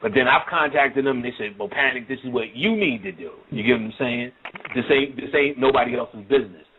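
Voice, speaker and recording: Speaking fairly quickly in a mid-range voice, a man rambles through a loose, profanity-laced talk about the occult, repeatedly asking "you know what I'm saying?" The recording has a tinny, phone-like quality.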